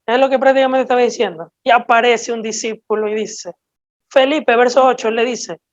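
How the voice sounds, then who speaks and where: A woman preaching a sermon, teaching slowly and emphatically and checking in with her listeners as she explains scripture. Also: on the high side, fairly even intonation, no echo, muffled recording.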